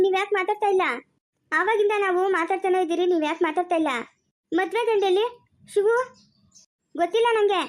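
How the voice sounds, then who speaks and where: A woman performing a village comedy skit with a Chikkaballapur rural Kannada accent, chattering in fast, exasperated nagging. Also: extremely high pitch.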